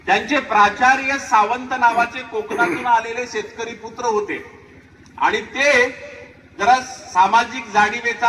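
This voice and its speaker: A man's voice: very high-pitched, bright, forceful tone. A man giving a public speech as a guest poet, telling an anecdote and acting out the dialogue dramatically. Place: large hall at a school gathering. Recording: echoey hall, distant mic, faint noise.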